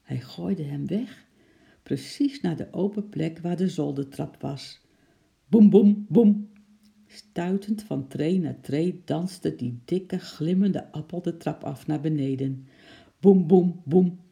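A man reading a children's story aloud, lively and acting out the noises. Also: a little high, takes it slowly, vocal fry. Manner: lively, acts out sound effects.

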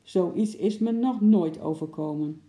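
A flustered old grandfather mutters and grumbles in a gravelly, dark voice, put on by a narrator. He sounds hassled and put out. The storybook reading sits in a roomy, echoing space. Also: medium pitch, big pitch swings, moderate pace. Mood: grumbling. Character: fussy flustered grandfather zoo keeper. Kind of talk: children's audiobook reading. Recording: roomy echo.

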